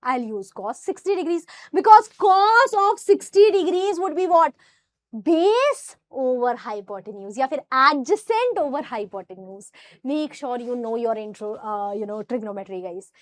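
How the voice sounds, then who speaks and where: Female maths teacher, North Indian accent, high-pitched, direct and emphatic classroom-style explaining, dry recording. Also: expressive, moderate pace, no echo. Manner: emphatic, addresses students directly. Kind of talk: explanatory lesson with rhetorical questions.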